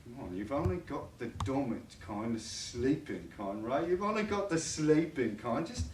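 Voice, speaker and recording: A man's voice: medium pitch, big pitch swings, normal speed, background noise, natural voice. A man playing a bitter drunken old father on a college stage, rambling and stammering as he pleads and rails. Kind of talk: stage play acting. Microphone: distant room microphone. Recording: echoey stage recorded from far off.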